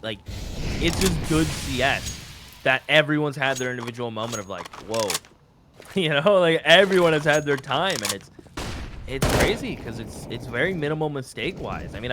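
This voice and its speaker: A man giving live esports commentary in an excitable, conversational, incredulous way. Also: medium pitch, background noise.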